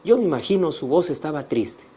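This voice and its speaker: A man telling a religious story as a sermon, swinging between loud emphasis and soft, hushed passages. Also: on the high side, big pitch swings, a little fast, breathy edge. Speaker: teacher of a religious course. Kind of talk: preaching storytelling.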